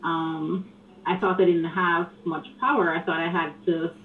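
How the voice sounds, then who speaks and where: A woman calling in to a radio show, speaking softly and earnestly with frequent pauses. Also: fairly low pitch, level tone. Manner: soft-spoken, earnest, halting. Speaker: caller. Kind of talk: call-in phone conversation. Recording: tinny phone line with hiss.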